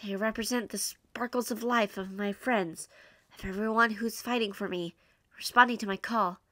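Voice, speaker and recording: A woman hosts a let's play with a very bright, forward voice. She moves between reading story text aloud and casual, reactive commentary, in a dry, close sound. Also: medium pitch, steady tone, moderate pace, no room sound. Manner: informal, reactive.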